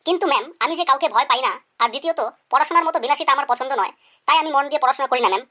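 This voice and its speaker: Rapid-fire and high-voiced, a performer plays a cheeky schoolboy in an animated comedy skit, offering excuses in a pleading, deferential manner.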